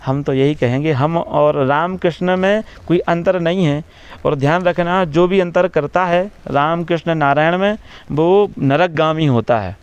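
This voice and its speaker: A preacher man speaks in a measured, explaining way, repeating key phrases and slowing down to recite verses. His voice is fairly high and smooth. The sound is dry and close, with no room echo. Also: highs cut off. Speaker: religious preacher giving an interview. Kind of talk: devotional explanation in a press talk.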